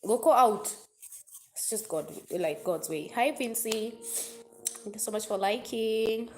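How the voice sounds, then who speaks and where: A woman's voice: a little high, slow, music in the background. A woman chatting openly and emotionally on a live stream, answering viewers' comments. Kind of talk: casual confessional live chat.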